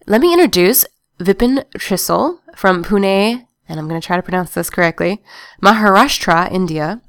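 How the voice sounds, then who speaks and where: A woman's voice: lowish voice, vocal fry, no room sound, clean studio sound. A woman hosting a gaming podcast, introducing an interview in a friendly, explanatory way. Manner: friendly, explanatory, reads steadily. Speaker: podcast host.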